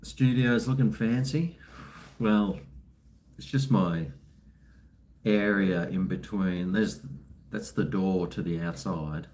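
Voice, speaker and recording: A man's voice: deep voice, slow pace, pauses often, darkish tone. An Australian man chatting casually on a live stream in a laid-back, blokey, colloquial way, responding to viewers.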